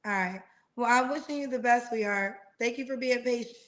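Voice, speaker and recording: A woman's voice: on the high side, a bit bright. A woman hosting a live dating show, chatting with callers and calling them sweetheart. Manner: drawn-out spelling, affectionate. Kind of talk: live-stream matchmaking chat.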